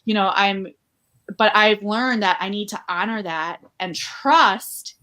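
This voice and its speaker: A woman's voice: mid-range voice, slow, pushed and bright. Chatty, upbeat woman podcast guest. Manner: upbeat, chatty, many "like" fillers. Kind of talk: casual conversational interview.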